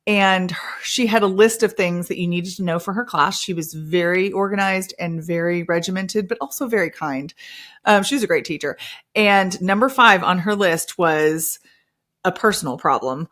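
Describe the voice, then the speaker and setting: A woman's voice: fairly low pitch, moderate pace, fairly bright tone. A woman hosting a podcast, telling personal stories in a chatty way and acting out playful quotes. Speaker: podcast host; mother of several children. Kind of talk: casual podcast monologue.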